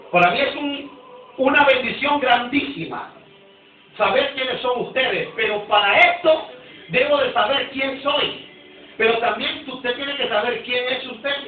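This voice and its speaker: High-voiced Nicaraguan pastor, echoey church. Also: male voice. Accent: Nicaraguan Spanish. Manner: emphatic, calls for congregation responses; repeats and restarts phrases. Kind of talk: Sunday school teaching sermon. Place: church hall. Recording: distant, echoey, phone-like church recording.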